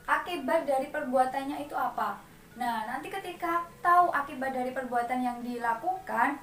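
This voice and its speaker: In this classroom training session, a parenting class facilitator with a high, slightly bright voice addresses her group as mothers. She explains things one step at a time and gets everyone clapping along to chants. The mic sits far away in an echoey room, and soft background ambience can be heard.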